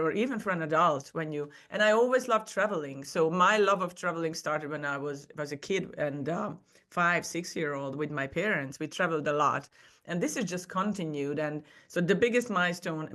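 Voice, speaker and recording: A woman whose first language isn't English tells personal stories as a guest on a podcast, in a conversational exchange. Her voice sits low and has a fairly bright tone.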